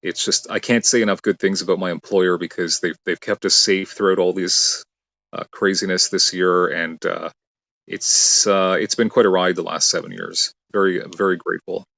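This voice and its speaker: A man's voice: low-pitched, fairly even intonation, moderate pace, creaky, a bit bright. A man from Canada, a radio host and ring announcer, chatting eagerly in an interview from a studio, with many fillers and restarts. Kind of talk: casual interview chat.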